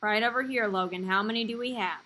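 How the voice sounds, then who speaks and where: A woman's voice: medium pitch, fast talker, pushed and bright. A young woman teaching young children on a video call, in an encouraging, simple kids-show-host manner with sing-out counting. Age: young adult. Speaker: primary school teacher. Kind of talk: live online lesson for young children. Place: small indoor room, video call. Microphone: computer mic on a video call.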